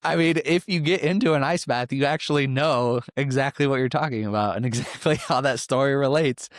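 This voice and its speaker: A man's voice: medium pitch, a little fast, dry recording, clean studio sound. A man hosting a podcast interview, talking casually and laughing easily as he asks questions. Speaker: podcast host.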